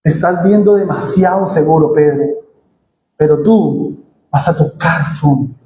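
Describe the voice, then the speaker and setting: A man, a preacher, voicing a solemn man gravely warning an overconfident friend, in a slow, lowered voice. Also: mellow, a little hiss or hum, lightly acted. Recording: echoey church room.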